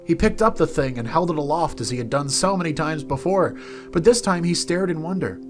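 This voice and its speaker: A man reading a fantasy story aloud as narrator, in an expressive, soft-spoken way. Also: on the high side, a little fast, music in the background. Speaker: narrator and game company host.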